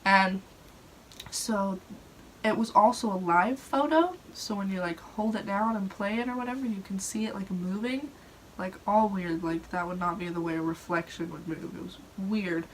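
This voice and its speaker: A woman's voice: medium pitch, moderate pace, low-quality recording. A young adult woman casually telling personal stories in a chatty, rambling way, saying "like" often. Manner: chatty, rambling, heavy use of "like". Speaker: storyteller host. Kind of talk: casual storytelling about personal experiences. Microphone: phone propped on a dresser. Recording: clear background noise.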